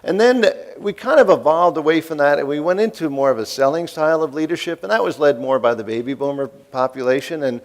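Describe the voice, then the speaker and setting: A man's voice: on the high side, fairly quick, few pauses. Joking fifty-something man giving a keynote. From East Coast. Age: 50s. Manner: folksy, joking, asks the audience questions. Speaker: keynote speaker. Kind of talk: motivational keynote speech.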